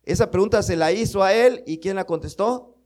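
A man preaching a sermon, slow and emphatic, asking the congregation rhetorical questions. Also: high voice, darkish tone.

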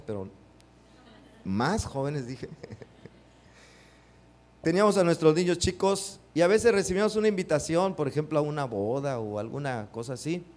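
A middle-aged man preaching a sermon, animated, acting out quotes and asking the congregation rhetorical questions. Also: fairly high pitch. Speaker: pastor. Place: church.

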